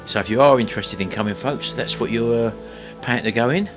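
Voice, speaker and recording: A man's voice: mid-range voice, brisk. A middle-aged man hosting a casual walk-and-talk vlog, chattily addressing his viewers. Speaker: vlog host. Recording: music behind the voice. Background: music.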